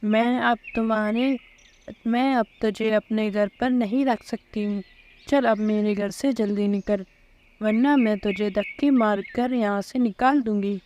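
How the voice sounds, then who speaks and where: A woman's voice: medium pitch, fairly even intonation, darkish tone, dull audio, slight background noise, natural voice. A woman voicing a bossy scolding sparrow. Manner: scolding, harsh. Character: bossy female sparrow who owns the house.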